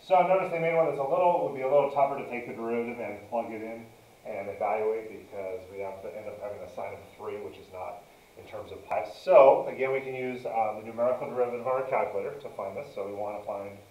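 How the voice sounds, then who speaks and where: A male teacher is heard from well away from the microphone in a roomy, slightly dull recording. He walks through a math problem step by step, dictating it piece by piece in a mid-pitched voice. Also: fast, darkish tone. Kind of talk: step-by-step lesson narration, working through a problem. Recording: dull, roomy, distant mic.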